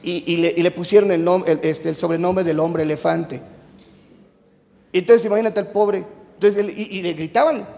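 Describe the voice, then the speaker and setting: A man with a Mexican Spanish accent gives a youth sermon, chatty and teasing and firing questions at the crowd. His voice sits high with a gravelly edge. The long reverb of a church hall trails every phrase. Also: fairly even intonation, normal speed, warm tone. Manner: chatty, teasing, quizzes the audience. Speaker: youth preacher. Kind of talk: youth sermon to a live congregation.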